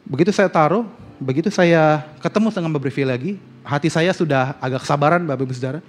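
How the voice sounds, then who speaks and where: A man preaching from the pulpit, his voice sitting a little high for a man. He tells a family story and acts out each person in it, rising to loud outbursts and then dropping to near-hushed asides. He turns to address the congregation again and again. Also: fast. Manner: storytelling, acting out dialogue, swings from loud to hushed. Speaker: pastor. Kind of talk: sermon. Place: church sanctuary.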